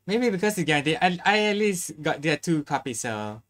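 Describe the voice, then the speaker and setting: A reaction host with a very lively, mid-pitched voice. The delivery is casual and halting, with repeated words and frequent chuckles as they comment live.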